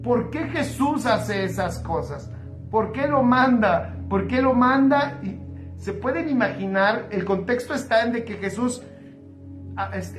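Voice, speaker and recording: A woman delivers a sermon, acting out the dialogue of each story with animation. Her voice rings in an echoey room. Faint music plays underneath. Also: a little high. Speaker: preacher.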